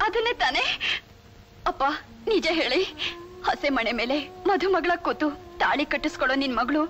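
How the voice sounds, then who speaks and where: An impassioned pleading daughter. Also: female voice, sits high, sing-song, normal speed, a bit bright. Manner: impassioned, reproachful, tearful. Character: grieving younger sister, pleading with her father. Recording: film soundtrack with music under. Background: film score music.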